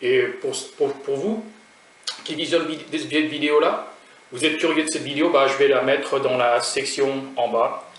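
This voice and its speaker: This French food vlogger speaks with a French accent in a mid-range voice, fairly even in intonation and at normal speed. Tasting food, he rambles chattily straight to his viewers. A distant mic makes the sound roomy.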